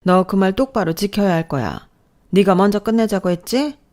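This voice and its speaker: A woman's voice: medium pitch, moderate pace, darkish tone, pitched above the performer's own voice, natural voice. A woman voicing a snobbish middle-aged mother-in-law who scolds and belittles her daughter-in-law in a scripted story narration. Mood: scolding.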